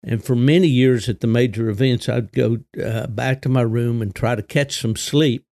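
An older man with a gravelly voice, hosting a solo podcast in a folksy, unhurried, conversational way. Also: mid-range voice, mellow, no echo. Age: 60s or older. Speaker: podcast host.

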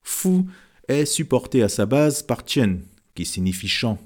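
A man voicing a modest, shrewd literature teacher who reads fortunes from written characters, speaking calmly and explaining. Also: medium pitch, a little slow. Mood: knowing.

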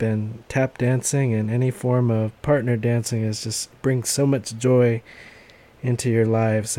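A man's voice: medium pitch, vocal fry, dark tone. A man who dances swing, a guest on a radio show, talking casually and with enthusiasm at a studio microphone. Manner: enthusiastic, laid-back.

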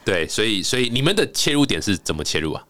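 A man with a Taiwanese Mandarin accent hosting a casual interview, chatty and quick to exclaim. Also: lowish voice, sing-song, pushed and bright, no echo. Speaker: interviewer, host.

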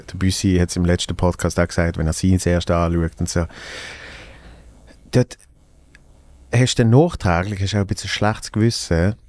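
Rambling Swiss man, low voice. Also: darkish tone, no room sound. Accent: Swiss German. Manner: rambling, thinking aloud with restarts. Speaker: guest, stand-up comedian. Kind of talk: casual podcast chat.

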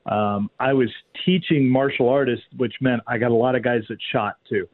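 A man heard over a narrow, phone-like talk radio line, the sound dry and closed-in. He speaks in a candid, plain-spoken way with lots of "uh"s. His voice sits at an ordinary pitch for a man. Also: moderate pace, no room sound. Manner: candid, plain-spoken, many filler words. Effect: tinny phone line on a talk radio broadcast. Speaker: guest firearms and martial arts instructor. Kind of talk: radio interview guest.

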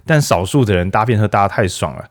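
Male host, low-pitched, casual and jokey, for a book podcast. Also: fast. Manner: chatty, animated, jokey rhetorical questions. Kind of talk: casual book review talk.

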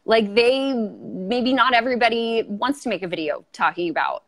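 A woman's voice: on the high side, moderate pace. A woman with a Valley Girl accent chatting casually as an interview guest, giggly and self-deprecating, saying "like" often. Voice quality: can be loud. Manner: valley girl talk, heavy use of like. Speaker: interview guest, online video creator. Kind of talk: casual chat.

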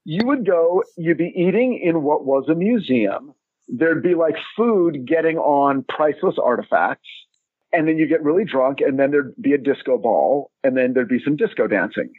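A man's voice: on the high side, expressive, normal speed, breathy edge, no room sound. A man co-hosting a podcast in casual, comic chat. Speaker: podcast co-host. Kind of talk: casual comic chat about an old TV show. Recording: roomless, dull phone-like line.

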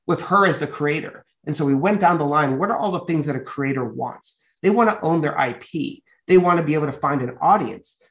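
Earnest middle-aged man, slightly high voice. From United States, Dominican family. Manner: earnest, fluent, many "you know" fillers. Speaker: guest, media company executive. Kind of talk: conversational interview answers.

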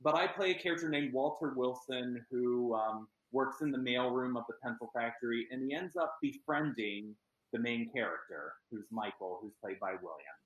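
A man from Pennsylvania, an actor appearing as a guest, chats casually in an interview with a mid-range voice at a moderate pace. He's earnest and talkative, with many ums. The audio is poor and reverberant.

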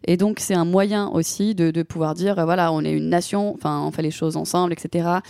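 Gravelly, mellow man giving facts. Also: on the high side, fairly even intonation, a little fast, dry recording, clean studio sound. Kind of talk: casual podcast chat.

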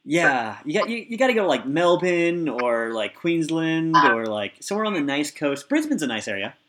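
A man's voice: on the high side, big pitch swings, moderate pace, a bit bright, slight background noise. Laid-back man, easygoing chat. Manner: laid-back, loose, laughs easily, drops "man". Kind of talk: casual chat.

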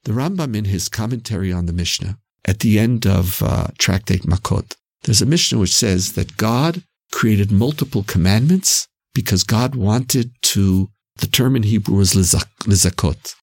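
Gravelly and fairly low with a breathy edge, this Canadian man's voice moves at normal speed with hardly any pauses. As an interview guest he reflects on religion, explaining emphatically and repeating phrases for effect, in a dry, studio-quality recording.

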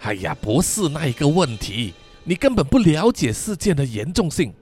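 A man's voice: a little high, big pitch swings, normal speed, a little mellow, faint music behind. A male storyteller voicing a stern village boy who scolds coldly and sighs in exasperation. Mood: cold scolding. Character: stern, cold dark-skinned local boy.

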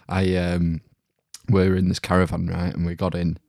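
Deep-voiced man inside a small caravan. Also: monotone, slow, vocal fry, darkish tone, no echo, studio quality. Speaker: podcast co-host. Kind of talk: casual comedic podcast chat. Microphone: online call, close dry sound.

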